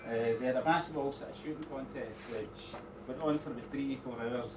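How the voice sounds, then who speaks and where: A middle-aged man giving an informal wedding speech as father of the bride, rambling a little with pauses and dry teasing asides. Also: medium pitch, over music. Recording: echoey room, distant mic, noisy background.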